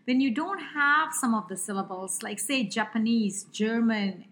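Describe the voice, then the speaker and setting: A woman's voice: fairly high pitch, measured pace, a bit bright. A woman with an Indian accent, a guest expert explaining ideas at length in an interview, with frequent fillers and restarts.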